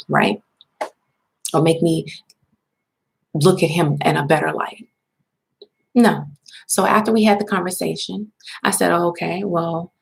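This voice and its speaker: Gravelly-voiced woman telling a story. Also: fairly low pitch. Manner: animated, talks straight to viewers. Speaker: vlogger and spiritual life coach. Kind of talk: casual storytelling vlog.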